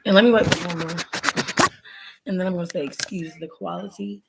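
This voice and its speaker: A Baltimore vlogger who has lost her voice chats casually with her viewers, calling them y'all, as she rambles through a story time while doing her nails at home. Her hoarse, creaky voice sits fairly low, moves along a little fast with fairly even intonation, and her laptop's built-in mic picks up heavy background noise.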